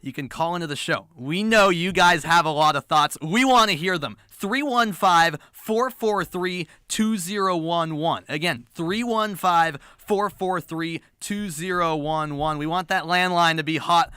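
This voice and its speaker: A man hosts post-game sports radio talk. His voice is high and bright, recorded very dry in a studio manner. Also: measured pace, few pauses, clean tone, no room sound.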